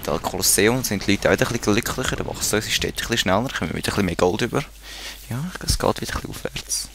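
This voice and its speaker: A man's voice: lowish voice, rapid-fire, creaky, fairly bright tone, soft background music. A man with a Swiss German accent giving casual commentary while playing a strategy game, muttering to himself and talking to the units on screen. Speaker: let's play gamer.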